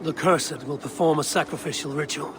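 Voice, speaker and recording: A man's voice: fairly high pitch, fairly even intonation, background noise, close to an everyday voice. A man playing a grave Norse warrior. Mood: curious. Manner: measured, grave. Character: stern male Norse warrior, calm. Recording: game audio under loud music.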